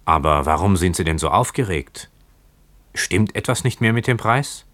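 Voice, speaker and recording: A determined Hawaiian man who will not take no for an answer, his voice lifted well above the narrator's own very deep register. He speaks up loudly and presses every question, close and dry. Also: expressive, normal speed, no echo. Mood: pressing. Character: determined Hawaiian man buying a cursed bottle.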